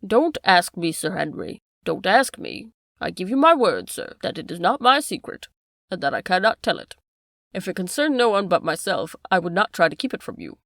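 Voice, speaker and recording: A woman voicing a frightened, secretive middle-aged male butler with a lowered, pleading voice. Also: lively intonation, moderate pace, hardly any pauses, a little mellow, no echo, clean studio sound. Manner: pleading then defiant, lowered voice.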